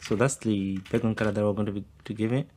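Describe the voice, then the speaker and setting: A man's voice: lowish voice, level tone, quick pace, dark tone, slight background noise. A man teaching frontend coding, thinking aloud step by step with fillers as he types code. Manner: talks while typing, thinks aloud with fillers. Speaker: coding instructor. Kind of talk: screen-recorded coding tutorial. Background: keyboard typing.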